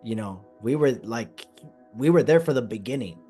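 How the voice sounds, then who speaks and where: A man hosting a wrestling podcast, chatting excitedly and stressing his points, his voice a bit hoarse. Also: mid-range voice, normal speed, faint music behind. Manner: excited, emphatic, repeats phrases. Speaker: podcast host. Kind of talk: casual podcast chat.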